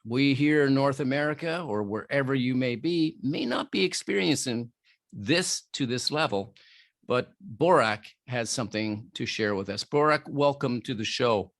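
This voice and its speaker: A man's voice: medium pitch, normal speed, no echo. A man hosting an interview podcast, talking in a friendly, earnest way with many restarts. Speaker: podcast host.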